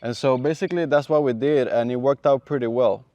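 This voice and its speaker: A man from Venezuela, a seminarian calmly explaining in a measured, thoughtful way. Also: mid-range voice, no room sound, dull audio. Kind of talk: casual explanation.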